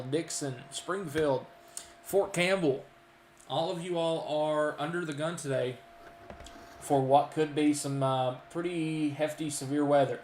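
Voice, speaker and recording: A man's voice: mid-range voice, a little mellow, reverberant, slight background noise. A man with a Kentucky accent giving live storm radar commentary, folksy and full of ums and uhs as he lists towns. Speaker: storm chaser and weather streamer.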